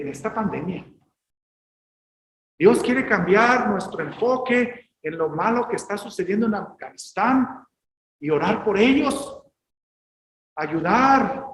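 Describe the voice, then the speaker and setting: A male pastor delivers a sermon in slow, deliberate phrases, pressing his points with emphasis and now and then rising to a shout. His voice echoes around a roomy space. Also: high voice. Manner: emphatic, rises to shouted exhortations.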